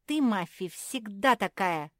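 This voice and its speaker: A woman voicing a sharp-tongued, scolding schoolgirl in a storybook reading, with a sarcastic manner. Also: mid-range voice, expressive, normal speed, no echo, studio quality, voice pushed up, lightly acted.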